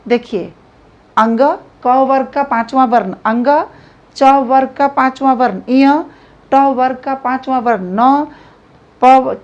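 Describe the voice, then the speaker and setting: A woman teaches a grammar lesson at a slow, deliberate pace, repeating each example aloud. Her voice sits a little high and has a gravelly, creaky edge. The recording sounds dull and lo-fi. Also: a little mellow. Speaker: Hindi teacher.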